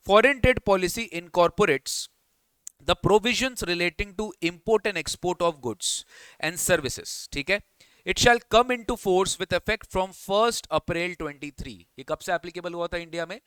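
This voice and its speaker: A man with an Indian English accent teaches an exam coaching class, quizzing his students again and again as he switches between reading English text and explaining in Hindi. His voice sits a little high and sounds crisp and smooth, recorded dry and close. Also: a bit bright, no room sound. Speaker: tax lecturer.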